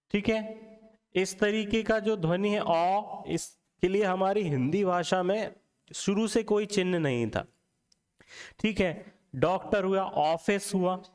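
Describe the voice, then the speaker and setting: A man's voice: sits high, smooth. Hindi teacher man in echoey room. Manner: asks questions and answers them himself, frequent "theek hai". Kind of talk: classroom lesson on Hindi alphabet.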